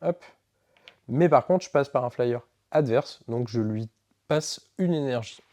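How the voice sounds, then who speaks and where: A man's voice: mid-range voice, unhurried, darkish tone. A man walking through a board game's rules in a casual, hesitant way, with many fillers. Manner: casual, filler-heavy walkthrough with self-corrections. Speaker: board game shop presenter. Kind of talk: explaining game rules. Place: board game shop.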